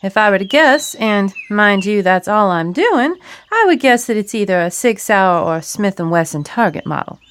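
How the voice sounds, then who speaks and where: A man putting on a high, folksy gun-savvy woman. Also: big pitch swings, normal speed, fairly bright tone, slight background noise. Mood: knowing, folksy. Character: sharp, sassy Southern woman who knows guns.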